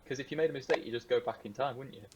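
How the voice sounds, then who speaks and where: A man's voice: medium pitch, very fast, dull audio, a little hiss or hum. A young man co-hosting a podcast over a video call, telling rambling anecdotes in a casual way. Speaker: podcast co-host. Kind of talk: casual storytelling.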